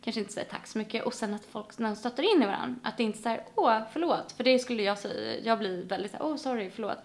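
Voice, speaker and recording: A woman's voice: mid-range voice, gravelly. A woman from Sweden in casual conversation, telling stories animatedly and acting out the voices of people she quotes. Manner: animated storyteller, acts out quotes. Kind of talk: casual chat.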